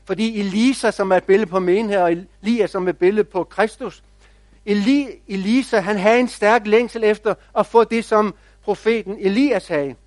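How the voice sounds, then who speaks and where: A man pastor preaching a sermon, telling stories in a measured, reflective way with quiet pauses. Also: high voice, no room sound.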